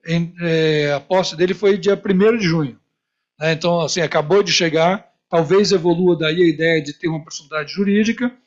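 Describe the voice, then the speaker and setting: High-voiced man panelist, muffled. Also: fairly quick. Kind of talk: spontaneous panel talk. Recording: dull, muffled event recording.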